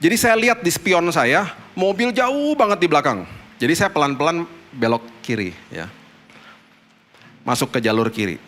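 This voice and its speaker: A man preaching a sermon as a pastor, telling stories in a lively, colloquial way. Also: on the high side, normal speed, long pauses. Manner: lively storytelling preacher, colloquial, acts out dialogue.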